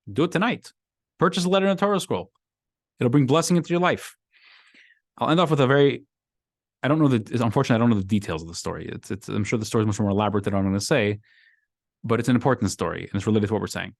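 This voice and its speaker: A fast, creaky, mid-range voice belongs to a Brooklyn rabbi teaching a casual weekly Torah class, and he pauses often. He is animated, repeating phrases and lifting lines emphatically. Captured by a microphone in class, the sound is clean and studio-like with no echo.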